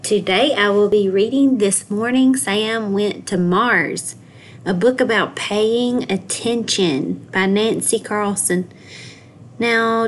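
With slight noise in the background, a woman speaks in a mid-range voice. She's a school guidance counselor giving an expressive picture-book reading to little kids and pausing to put questions to them.

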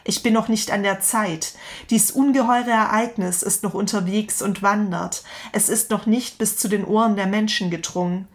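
A woman's voice: mid-range voice, steady tone, normal speed, natural voice. Woman reading as an impassioned madman. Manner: impassioned, declamatory questioning. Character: frantic grown man, a prophetic madman with lantern.

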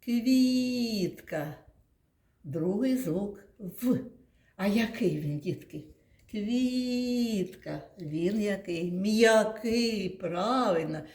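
A woman teaching young children, slowly and patiently sounding out words and praising them. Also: medium pitch, a little mellow. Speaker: kindergarten teacher. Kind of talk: classroom lesson for young children. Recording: echoey room.

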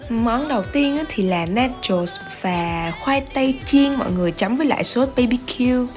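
A young woman with a Southern Vietnamese accent films herself at arm's length for a casual travel vlog at an outdoor shopping mall. Her voice is a little high, with lively intonation and a moderate pace, and she chats enthusiastically to viewers. Background music plays beneath her voice.

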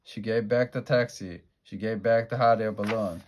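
A man narrating a children's storybook aloud with a low voice. His reading is plain and evenly paced, steady from one sentence to the next. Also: normal speed, slight background noise. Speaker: storybook reader.

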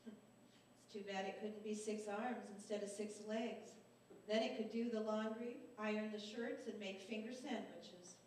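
An actress playing an exasperated middle-aged wife and painter who talks emphatically in a live stage comedy. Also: female voice, medium pitch, fairly even intonation, a little slow, darkish tone, a little hiss or hum, natural voice. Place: community theater stage. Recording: echoey hall from far off.

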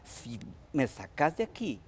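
A man's voice: mid-range voice, big pitch swings, a little slow, a little mellow, husky. A man voicing a vain, sly trickster rabbit who wheedles and teases. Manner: wheedling, cheeky.

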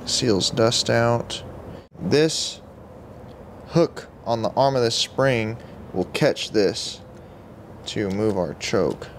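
A young man giving casual running commentary while fixing a carburetor at an outdoor workbench, in a relaxed way with muttered asides to himself. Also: mid-range voice, drawn-out words, long pauses, a little hiss or hum. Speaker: vlogger working on a carburetor. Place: outdoor workshop table beside a truck.

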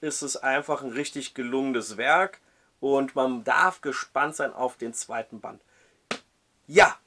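A man reading a dark historical novel aloud in a measured storytelling way, then reviewing it as a book reviewer. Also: fairly high pitch.

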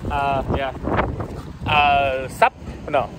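A twenty-something man whose first language is English speaks extremely slowly in a flat, medium-pitched voice, working through broken, accented Vietnamese and repeating words as he searches. It's a casual walking vlog for language practice, filmed outside between apartment buildings on a phone at arm's length. The audio is windy, with clear background noise.

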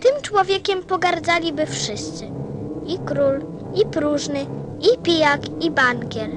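A woman's voice: high-pitched, slow pace, over music. A woman playing an earnest, inquisitive little boy in a radio play, with a childlike manner. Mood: gentle, thoughtful. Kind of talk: Polish radio play acting.

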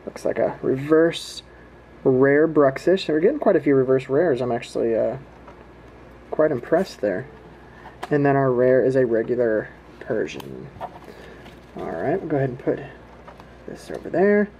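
Male hobby vlogger, mid-pitched and soft-edged, folksy and easygoing commentary, faint noise on a home camera recording. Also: expressive, a little slow, pauses often, rough recording. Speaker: host of a trading card pack-opening video. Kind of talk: casual running commentary while opening card packs. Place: indoors at home, hands at a table.

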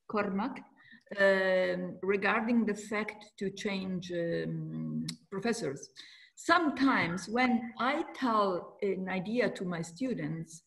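A middle-aged woman with an Italian accent, a musician speaking on a panel video call in halting non-native English. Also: medium pitch, creaky, rough recording. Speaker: musician and flute teacher on a panel. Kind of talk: panel discussion. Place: indoor room on a video call.

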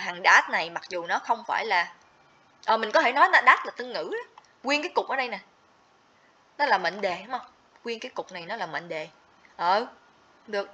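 Woman, livestream teacher, checks in with students, sharp tone, muffled recording. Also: mid-range voice, slight background noise. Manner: explains step by step, checks in with students often. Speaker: TOEIC teacher. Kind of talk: livestream grammar lesson. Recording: slightly dull lo-fi audio.

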